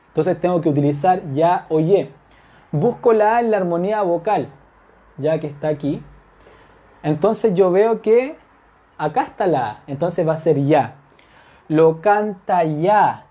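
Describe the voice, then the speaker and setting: Slow, patient teacher. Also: medium pitch, dark tone, muffled recording. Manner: patient, checks understanding with frequent tag questions; repeats example phrases slowly. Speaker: Turkish language teacher. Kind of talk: whiteboard grammar lesson.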